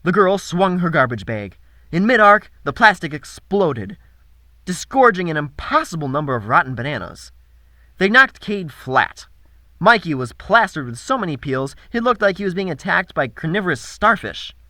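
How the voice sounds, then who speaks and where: Expressive, bright male audiobook narrator. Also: on the high side, moderate pace, no echo. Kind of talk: first-person audiobook narration.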